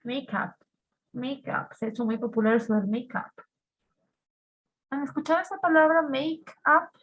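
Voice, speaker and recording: A woman teaching an English class, repeating each phrase slowly in English and then giving it in Spanish, with an Ecuadorian accent. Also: sits high, highs cut off. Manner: slow repetitive drilling of words, switching between English and Spanish. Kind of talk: bilingual online class.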